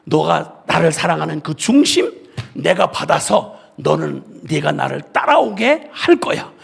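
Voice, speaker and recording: A male preacher voicing a gentle, consoling Lord speaking to a failed disciple, soft and reassuring, in a gravelly, husky voice. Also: fairly high pitch, animated, a little slow, pitched below the performer's own voice, exaggerated voice. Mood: tender. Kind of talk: acted quote within a sermon.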